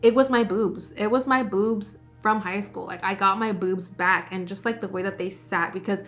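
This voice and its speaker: A young woman in her twenties telling a personal story to camera in a casual, animated way while doing her makeup. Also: mid-range voice, moderate pace, faint music behind. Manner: chatty, animated, addresses viewers as guys. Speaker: beauty vlogger.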